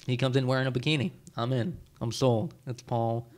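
A man's voice: medium pitch, fairly even intonation, a little fast. A man co-hosting a casual podcast, rambling with many fillers and frequent laughter. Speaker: podcast co-host.

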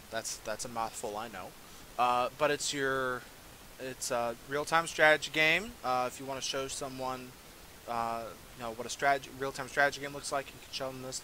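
A man's voice: mid-range voice, fairly even intonation, moderate pace, sharp tone, a little hiss or hum. A young man giving a casual, rambling walkthrough of a strategy game, full of fillers and self-deprecating asides. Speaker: game tutorial presenter. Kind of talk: casual gameplay commentary.

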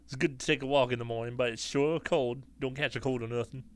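A man's voice: mid-range voice, fairly even intonation, quick pace, slight background noise, close to an everyday voice. Game NPC: a man voicing a middle-aged neighbor man, folksy, nosy, chatty. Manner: folksy, nosy small talk.

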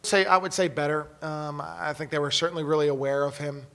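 A man in his thirties, a head coach answering questions at a postgame press conference, talking in halting phrases with many restarts, into a table mic in a press room. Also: on the high side, little pitch movement, gravelly, bright, forceful tone.

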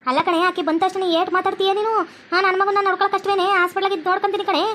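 A bossy, sharp-tongued cartoon mother-in-law, put on by a woman scolds in a North Karnataka Kannada accent. Her voice sits very high and stays flat in tune, and the words tumble out at breakneck speed. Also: slight background noise. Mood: scolding. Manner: scolding, rapid and shrill. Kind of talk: cartoon voice acting.

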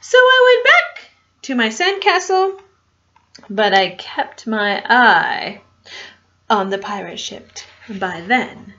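A woman reading a picture book aloud to children in an animated way, with asides and questions for her young listeners, on a dull lo-fi recording. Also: on the high side, slow pace. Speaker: storytime reader.

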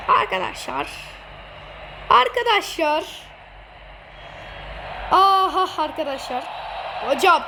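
A woman with a very high, piping voice gives excited running commentary over a football video game. She teases and gloats at her opponent and laughs a lot. The recording is noisy, with game sound behind her. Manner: teasing, gloating, laughing often. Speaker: gamer streamer.

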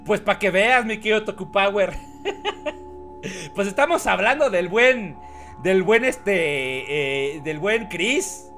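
A man's voice: high voice, expressive, takes it slowly, fairly bright tone, soft background music. A man reading a comic on a live stream, laughing often and joking with his chat.

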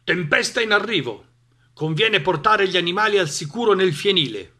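Man doing a booming old farmer. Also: lively intonation, moderate pace, sharp tone, full character voice. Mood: urgent. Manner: booming, commanding. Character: gruff old male farmer, bossy and loud.

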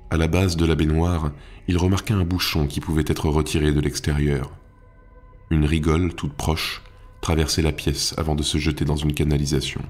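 Very deep-voiced male narrator. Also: darkish tone. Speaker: audiobook narrator. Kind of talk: scripted audiobook narration.

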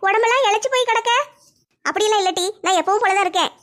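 A woman's voice: very high-pitched, rapid-fire, fairly bright tone. A woman playing a scolding village mother. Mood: fond. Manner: scolding, lecturing. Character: stern, protective middle-aged village mother.

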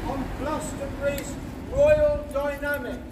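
An older man makes a loud town crier proclamation, declaiming in measured, separated phrases. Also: extremely high pitch, level tone. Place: outdoors on a town street, calling from a building balcony. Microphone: distant camera. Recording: distant outdoor camera, echoey, heavy street noise. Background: street and traffic noise.

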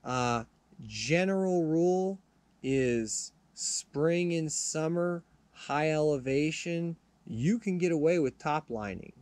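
A man with a Californian accent hosting a fishing channel, giving casual tips in a relaxed, rambling way with many fillers and restarts. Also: a little high, slow pace, dry recording. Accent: Californian English.

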